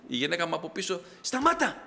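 A middle-aged man preaching a fervent Pentecostal sermon, swinging from loud exhortation to quiet storytelling. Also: on the high side. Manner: fervent preaching, rising loud then dropping to soft storytelling. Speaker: pastor.

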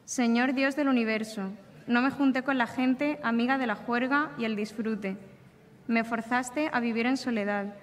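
A woman serving as lector at Mass, reading scripture and a psalm in a measured, solemn way, her voice carried by a long, church-like reverb. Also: a little high. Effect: long cathedral-like reverb. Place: large shrine chapel. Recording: echoey shrine chapel reverb.

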